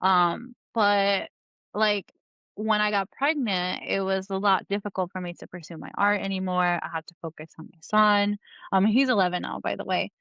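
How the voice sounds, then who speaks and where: A woman's voice: mid-range voice, steady tone, moderate pace, vocal fry, a bit bright, smooth, no echo, highs cut off. A woman in her thirties, from New Jersey, sharing her life story on a podcast, talking loosely with many fillers. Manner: rambling with many fillers and laughs. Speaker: podcast guest, comic book artist. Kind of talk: casual conversational interview.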